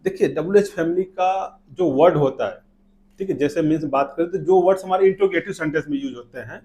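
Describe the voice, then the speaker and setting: A man with an Indian English accent teaching an English lesson, saying each example slowly and glossing it in Hindi. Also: fairly high pitch, mellow. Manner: slow, repeating words with Hindi glosses. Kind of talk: classroom lesson.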